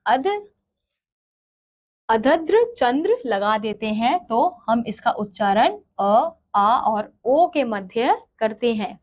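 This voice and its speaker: A woman's voice: a little high, expressive, dull audio. A woman teaching a grammar lesson, asking questions and answering them herself. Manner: slow, asks and answers her own questions.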